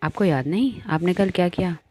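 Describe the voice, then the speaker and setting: A woman's voice: lowish voice, animated, fairly quick, warm tone, slightly rough. A woman voicing an angry middle-aged wife and mother who scolds her husband sharply. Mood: scolding.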